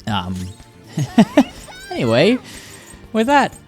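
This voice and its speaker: A male game streamer chatting casually over his playthrough, his voice fairly high and swinging widely in pitch. He rambles, reacts loudly to the action and laughs along as he goes. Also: extremely slow, soft background music. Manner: rambling, animated, laughs often. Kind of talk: casual gameplay commentary.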